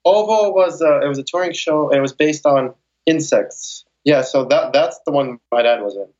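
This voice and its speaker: A man's voice: on the high side, moderate pace, darkish tone, muffled recording. A young man born in Moscow and raised in Ukraine and Las Vegas, answering interview questions in a loose, rambling way with many fillers and restarts. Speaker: guest, circus straps performer.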